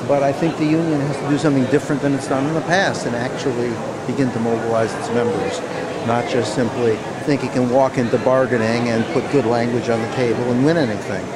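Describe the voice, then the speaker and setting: A man of middle pitch speaks in an earnest, measured way, often backing up to restart a phrase. He is recorded in a busy convention hall with heavy crowd chatter close behind him. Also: fairly even intonation. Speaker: union delegate. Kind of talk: interview answers.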